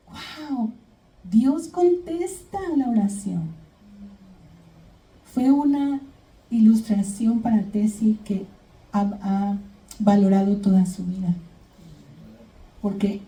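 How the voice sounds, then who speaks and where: A woman's voice: mid-range voice, warm tone. A woman preaching a sermon to her congregation, retelling Bible stories and often checking in with her listeners as she goes. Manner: addresses congregation as brothers and sisters. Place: church. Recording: echoey church hall, mic at a distance.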